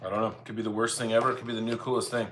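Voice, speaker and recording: This live cooking stream host talks informally to viewers from his home kitchen, thinking aloud as he goes. His voice is on the low side and fairly bright, his delivery flat and racing, with clear background noise of clattering dishes and cutlery.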